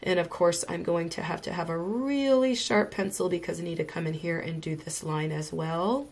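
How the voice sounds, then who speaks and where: Her pitch is fairly low and her pace moderate. She's an art tutorial host, a little stuffed up from illness, chatting enthusiastically as she colors at a home craft desk.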